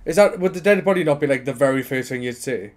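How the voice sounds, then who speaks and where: A man's voice: medium pitch, animated, fast, faint music behind. A young man giving casual, incredulous, exclaiming reaction commentary on horror videos over a headset mic. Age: young adult.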